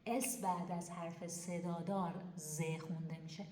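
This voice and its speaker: A woman teaching a pronunciation lesson who explains each rule, then slowly sounds out example words, with quick asides about running short on time. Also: lowish voice, fairly even intonation, darkish tone, a little hiss or hum. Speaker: German language teacher. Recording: roomy echo.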